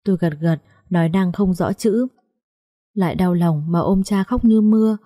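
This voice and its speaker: A woman's voice: mid-range voice, a little slow, warm tone. A woman narrating a first-person story in a heartfelt, emotional way.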